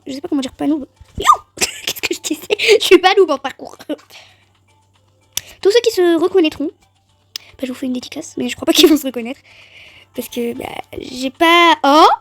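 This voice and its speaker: A woman giving chatty, excitable let's-play commentary on a game, talking straight to her viewers. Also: high-pitched, gravelly, no room sound. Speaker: gaming video creator.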